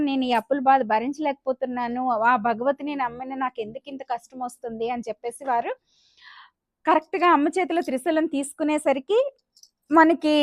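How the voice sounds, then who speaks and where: A woman vlogger telling a devotional legend aloud, expressive and acting out the characters' lines. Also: sits high, no echo, clean studio sound. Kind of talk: spoken storytelling.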